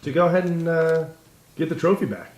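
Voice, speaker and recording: A man telling a story on a casual podcast, animated and laughing, often halting with fillers. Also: a little high, a crowd in the background. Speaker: podcast regular.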